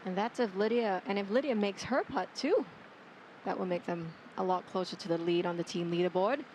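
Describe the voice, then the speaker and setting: A woman's voice: medium pitch, fairly quick, a little mellow. Woman analysing golf over faint background noise. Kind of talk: live golf commentary and analysis.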